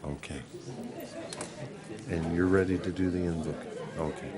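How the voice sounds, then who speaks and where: Measured, weighty American male baritone. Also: steady tone. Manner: measured, procedural. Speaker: mayor chairing a council meeting. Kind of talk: formal meeting procedure. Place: council meeting room. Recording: public meeting room with crowd murmur.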